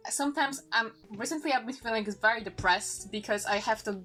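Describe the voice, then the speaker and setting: A woman of twenty-one from Poland, a native Polish speaker with a Polish accent, talking as a podcast guest in a halting way, restarting phrases and searching for words. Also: fairly high pitch, sharp tone, faint music behind. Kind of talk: casual podcast chat.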